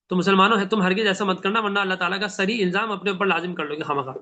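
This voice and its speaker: Bright high-voiced man teaching a Quran class. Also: steady tone. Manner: asks the class questions and answers them himself; recites Arabic verses slowly.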